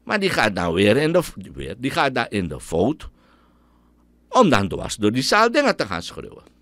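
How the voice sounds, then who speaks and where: Surinamese Dutch man, middle-aged, ranting radio commentary, pitch swinging wildly, dry close sound. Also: wildly swooping pitch, moderate pace, fairly bright tone, no room sound. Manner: indignant, ranting, scornful. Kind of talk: opinionated radio monologue.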